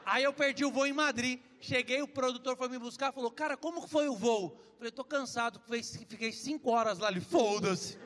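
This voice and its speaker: A Brazilian man doing a crude, jokey stand-up set on a comedy club stage, telling stories and switching voices fast. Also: very high-pitched, fairly bright tone, big-room sound. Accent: Brazilian Portuguese. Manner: brash, crude, jokey storytelling with quick voice switches. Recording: stage recording with crowd and room noise.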